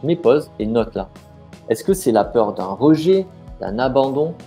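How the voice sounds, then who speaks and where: A man's voice: medium pitch, sing-song, unhurried, mellow, faint music behind. A man coaching the viewer directly in an informal, encouraging way, with fillers and restarted sentences. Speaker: business mindset coach. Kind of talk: coaching video talking straight to the viewer.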